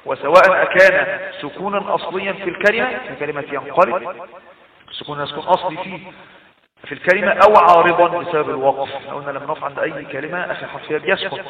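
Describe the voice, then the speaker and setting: A man with an Egyptian accent teaching the rules of Quran recitation, repeating and slowly demonstrating words, with drawn-out fillers. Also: on the high side, roomy sound, distant mic, phone-quality sound. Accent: Egyptian Arabic. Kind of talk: tajweed lesson.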